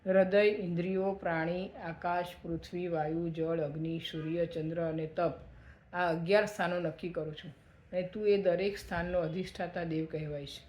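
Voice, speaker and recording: Male narrator doing a stern creator god, solemn and declaiming, higher-pitched voice in an echoey room. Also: little pitch movement, normal speed, darkish tone, natural voice. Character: mighty male creator god, commanding, quick to anger.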